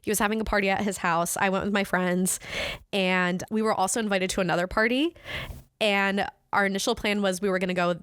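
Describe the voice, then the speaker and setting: Young American woman, podcast guest, lively storyteller, dry close mic. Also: medium pitch, a little fast, smooth, dry recording. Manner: animated storyteller, acts out quotes. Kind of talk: casual storytelling chat.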